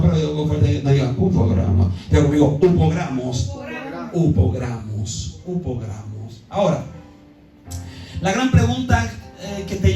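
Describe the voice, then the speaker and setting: A male pastor with a high voice leads a Bible study sermon, firing questions at the congregation and asking them to repeat after him. He stumbles and repeats words as he goes. The sound is distant and roomy, with faint music underneath. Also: a little mellow. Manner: questioning the congregation, calls for responses; repeats words, self-corrects mid-phrase.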